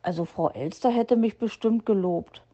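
A woman's voice: medium pitch, moderate pace, warm tone, muffled recording, close to an everyday voice. A woman voicing a small, eager young male fox cub who complains earnestly. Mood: plaintive.

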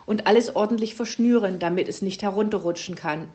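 A woman's voice: medium pitch, brisk, darkish tone, close to an everyday voice. A woman voicing a cheerful, helpful young female gnome in a children's story.

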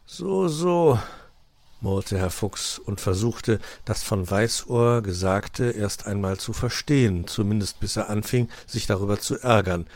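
A man's voice: fairly low pitch, steady tone, a little slow, hardly any pauses, no room sound. A man narrating a children's animal story in a scripted style.

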